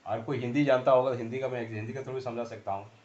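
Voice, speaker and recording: A man teaching a shorthand lesson, repeating vowel sounds slowly and pausing to write on a board. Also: medium pitch, fairly even intonation, darkish tone. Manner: repeats sounds slowly and drills them aloud; pauses often while writing on a board. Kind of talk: classroom explanation. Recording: dull roomy sound.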